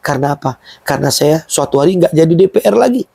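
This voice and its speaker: A man's voice: a little high, animated, fast talker, gravelly, warm tone, breathy edge, no room sound. A middle-aged man founding a Quran museum and boarding school, telling his story in an emphatic, emotional way during an interview.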